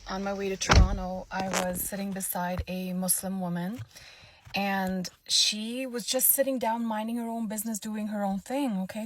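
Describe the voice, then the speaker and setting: A woman's voice: medium pitch, slight background noise. A woman telling a heated, profane story in a vlog rant, blunt and outspoken. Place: Manila.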